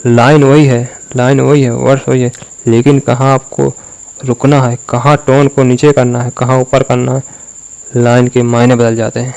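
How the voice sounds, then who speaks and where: A man delivering a motivational talk with a gravelly edge to his voice. His pitch stays very flat even as he speaks straight to the listener, acting out examples to press his points home. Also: rough recording. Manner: speaks directly to the viewer, dramatizing examples.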